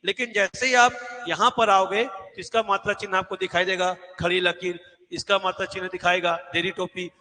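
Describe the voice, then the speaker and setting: A man teaches an exam-prep class in a high, bright voice. He asks questions, answers them himself and repeats the key words. Long reverb from the echoey classroom trails behind him. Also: flat delivery, normal speed. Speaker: Hindi teacher.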